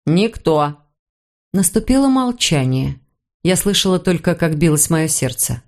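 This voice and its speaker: A woman narrating a suspense novel in the first person, calm and measured. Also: on the low side. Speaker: audiobook reader. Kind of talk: scripted narration.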